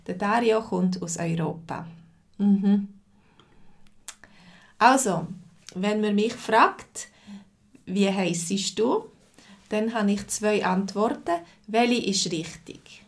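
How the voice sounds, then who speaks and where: Slow, patient Swiss teacher woman. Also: medium pitch, lively intonation, gravelly. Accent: Swiss German. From Switzerland. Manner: patient, answers viewers' chat comments by name. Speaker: language teacher. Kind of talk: live-streamed language lesson.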